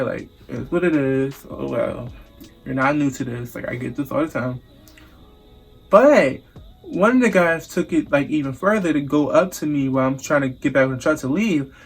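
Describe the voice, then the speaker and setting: A man's voice: a little high, gravelly. A young man from the United States telling a casual, profane storytime vlog, acting out the voices of the people he quotes. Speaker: vlogger.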